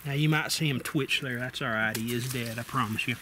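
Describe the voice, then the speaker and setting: A middle-aged man with a drawl explains each step in a plain, folksy way. His voice sits at an ordinary pitch. A water pump hums clearly behind him at an outdoor camp. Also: brisk, bright, forceful tone. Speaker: outdoor survival vlogger. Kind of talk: casual how-to demonstration. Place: outdoor camp table in the woods. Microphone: camera mounted overhead. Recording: water pump noise in background.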